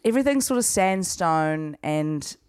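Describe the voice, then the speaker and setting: A woman's voice: lowish voice, expressive, unhurried, a little mellow, clean tone, no room sound. A woman co-hosting a podcast, talking in a dry, offhand way with casual swearing. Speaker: podcast co-host. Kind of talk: casual chat.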